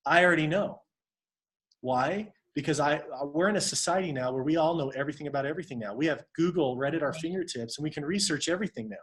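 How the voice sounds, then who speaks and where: Higher-pitched man coaching on a call. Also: fast talker, fairly bright tone. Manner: conversational, acts out sample dialogues. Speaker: network marketing team coach. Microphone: video call.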